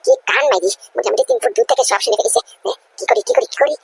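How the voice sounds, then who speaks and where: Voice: mid-range voice, huge pitch swings, racing, gravelly, husky, no room sound, heavily acted. A performer voicing a greedy middle-aged aunt in a cartoon comedy, stammering and talking her way out of a lie. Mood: blustering. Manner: stammering, nervous, then bragging.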